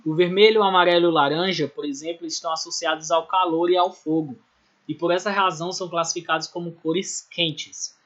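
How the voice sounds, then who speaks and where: Male art teacher, slightly high voice, explanatory and repetitive with tag questions, muffled lo-fi sound. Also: steady tone, brisk, a bit bright. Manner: explanatory, many "né?" and "ou seja" tags, self-corrections. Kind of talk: recorded online class lecture.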